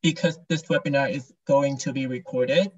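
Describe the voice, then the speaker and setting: Husky man on a muffled video call. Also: medium pitch, fairly even intonation, normal speed. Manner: casual, brief replies.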